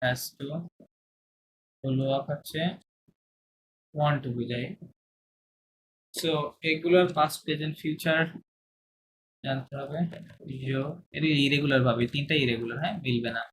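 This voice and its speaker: Man teaching a class over a video call. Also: medium pitch. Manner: asks many checking questions, repeats examples slowly. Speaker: language teacher. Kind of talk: online class explanation. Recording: video call with clear background noise.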